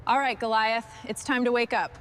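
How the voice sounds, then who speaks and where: Short bits of self-directed, approving commentary come from a woman as she restores a vehicle. She talks fairly quickly with a steady tone and a voice on the high side, and background noise is audible.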